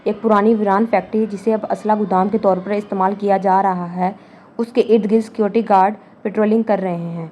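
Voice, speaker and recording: A woman narrating a novel as an audiobook, in a calm, even storytelling manner. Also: medium pitch, a little hiss or hum. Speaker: novel reader.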